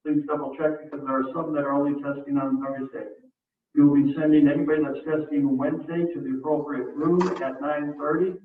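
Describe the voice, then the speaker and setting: A man's voice: fairly high pitch, little pitch movement, a little fast, recorded from a distance, a little hiss or hum. Man on a school intercom. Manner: polite, apologetic. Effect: school intercom loudspeaker. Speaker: school staff making an announcement. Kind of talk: PA announcement to teachers. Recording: tinny, echoey loudspeaker heard from across a classroom.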